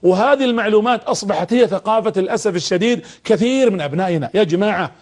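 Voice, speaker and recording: A man's voice: sits high, expressive, racing, a little mellow. A man preaching on television from a studio, talking emphatically, repeating words and putting direct questions to viewers. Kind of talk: televised religious talk to viewers.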